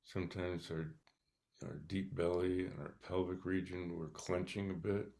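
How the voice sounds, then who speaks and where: A man leading a guided meditation, speaking softly and calmly with long pauses between short instructions. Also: low-pitched. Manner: slow, calm, soft-spoken instructions with pauses. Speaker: meditation teacher.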